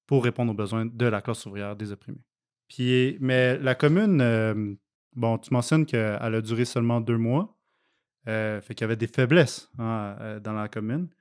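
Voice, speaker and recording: A man with a Québécois French accent and a mid-pitched voice tells history in a loose, colloquial way. He hesitates often and fills pauses with ums. It is casual podcast conversation. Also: darkish tone, clean tone. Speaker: podcast co-host. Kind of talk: casual political history discussion.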